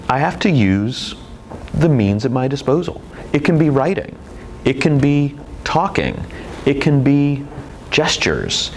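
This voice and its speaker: A man's voice: medium pitch, a little hiss or hum, poor audio. A man teaching presentation skills in a video lecture, explaining expressively with demonstrations. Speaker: presentation instructor.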